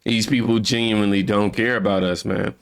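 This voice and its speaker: A man hosts a casual reaction commentary and talks straight to his audience. His voice has a gravelly, fry-tinged edge. He rambles loosely from one thought to the next. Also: lowish voice, steady tone, brisk. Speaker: YouTube reaction host.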